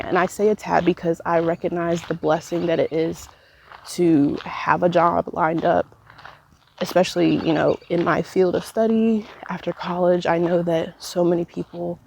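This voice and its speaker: A young woman in her twenties reflects in a pensive, casual way, as if thinking aloud to a vlog audience. Her voice sits slightly low and often dips into gravelly fry. A light layer of background noise runs under the recording. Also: steady tone, darkish tone. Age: 20s. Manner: pensive, unhurried musing with trailing thoughts. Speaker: vlogger. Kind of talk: casual reflective solo monologue. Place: walking while recording, as a walk-along vlog.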